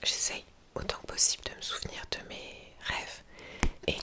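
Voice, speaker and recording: A woman whispering softly and breathily, as in a library, in an informal, hesitant ASMR chat presenting books. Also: normal speed. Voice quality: soft, breathy unvoiced whisper.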